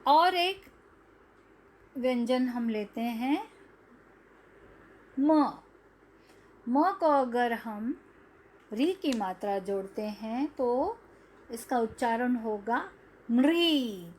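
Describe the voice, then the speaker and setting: A woman's voice: a little high, lively intonation, very slow, long pauses, darkish tone, slight background noise. A woman teacher giving a language lesson to young children, stretching out each syllable.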